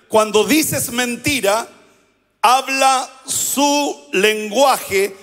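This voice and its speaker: High-voiced man preaching in a reverberant hall. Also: fairly bright tone. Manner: preaching with call-and-response prompts to the congregation. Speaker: pastor. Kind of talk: sermon.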